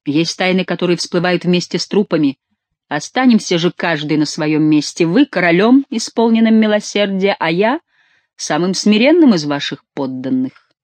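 A reader voicing a scheming flattering count. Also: medium pitch, moderate pace, dry recording, close to an everyday voice. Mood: threatening. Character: scheming, flattering nobleman count, adult male. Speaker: audiobook reader. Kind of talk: dramatic audiobook reading.

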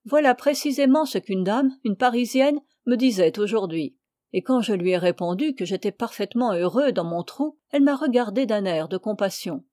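A woman reading as a shy young gentleman. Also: mid-range voice, lively intonation, normal speed, no room sound, clean studio sound, lightly acted. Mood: reserved. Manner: curt, reserved replies.

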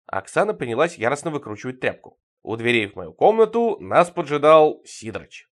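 A man reading an absurdist story aloud with wry, deadpan timing. His voice sits at a typical male pitch, but the intonation rises and falls a lot from phrase to phrase. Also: a little fast. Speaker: reader. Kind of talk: dramatic audiobook reading.

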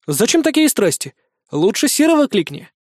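A man voicing a clever schoolboy inventor who speaks calmly and wryly. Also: extremely high pitch, moderate pace, no room sound, studio quality, pitched above the performer's own voice, exaggerated voice.

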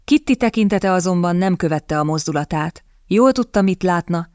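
Low-voiced woman narrating a novel. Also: lively intonation, a little mellow, no room sound, clean studio sound. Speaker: audiobook narrator. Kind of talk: scripted narration.

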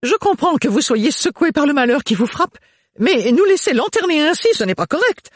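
A man doing a shrill, overbearing storybook mother. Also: big pitch swings, normal speed, no echo, clean studio sound. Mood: indignant. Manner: shrill, pushy, domineering. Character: bossy loud middle-aged mother, overbearing.

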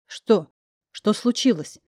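A woman's voice: medium pitch, expressive, slow, darkish tone, no echo. A bewildered young man, hastily defending himself, as a woman reader voices him. The recording is dry and close.

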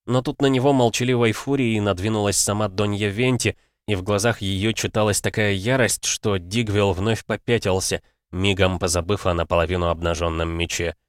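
A man reading a fantasy audiobook in an expressive, measured storytelling way. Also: lowish voice, no echo, clean studio sound. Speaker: audiobook narrator. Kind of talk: dramatic audiobook narration.

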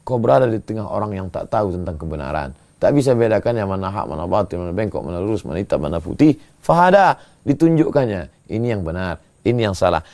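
Male preacher, low and gravelly, shifts from drawn-out chanting to pointed scolding. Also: expressive, darkish tone. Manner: swings from slow drawn-out chanting to quick emphatic scolding. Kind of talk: sermon with Quran recitation.

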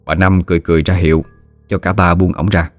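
A man's voice: low-pitched, level tone, quick pace, dry recording, faint music behind. A man with a Southern Vietnamese accent narrating a ghost story steadily.

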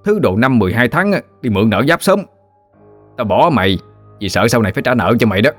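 A man voicing a boorish village man who bickers roughly in a Southern Vietnamese accent. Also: mid-range voice, expressive, quick pace, faint music behind, lightly acted. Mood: quarrelsome.

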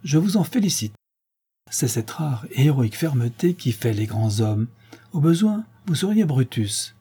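A man's voice: mid-range voice, sing-song, unhurried, dark tone, husky, pitched above the performer's own voice, full character voice. A man doing a mock-solemn joking painter. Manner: mock-grave, teasing. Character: shrewd mocking male painter, showy joker.

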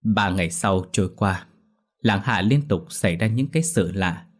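A man telling a ghost story with steady, dramatic scripted narration. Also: sits low, moderate pace. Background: faint music.

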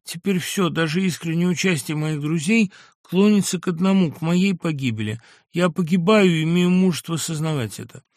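A man's voice: on the high side, moderate pace, no echo, studio quality, lightly acted. A man reading a bitter, despairing doctor. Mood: resigned. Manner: shouting in rage, then weary and resigned. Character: middle-aged male doctor, nervous, bitter, despairing. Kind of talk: audiobook character reading.

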